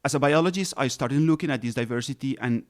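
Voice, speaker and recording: A man's voice: mid-range voice, quick pace. A man in his thirties, raised in Colombia, patiently explaining his research as a guest in an interview, with frequent restarts and fillers. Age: 30s. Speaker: ecologist guest.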